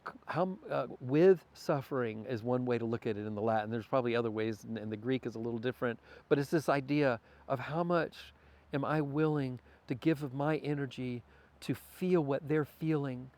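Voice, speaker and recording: A man's voice: mid-range voice, normal speed, a little mellow. A man as a podcast guest in a candid conversation, talking in a reflective, philosophical way and thinking aloud with small restarts.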